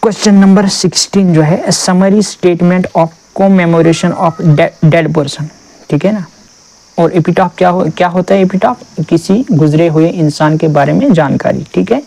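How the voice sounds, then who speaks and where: A man teaching exam vocabulary, reading English definitions slowly and drilling each term with repeated questions. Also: high voice, vocal fry, warm tone, rough recording.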